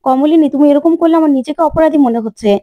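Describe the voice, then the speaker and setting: A woman's voice: high voice, fast talker, no room sound, phone-quality sound, pitched above the performer's own voice, close to an everyday voice. A woman voicing a firm, urgent stepfather hurrying the family along.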